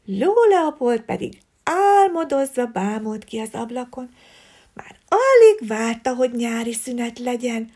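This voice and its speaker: A woman reading a children's story aloud in an expressive, lilting storybook manner. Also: fairly high pitch, breathy edge.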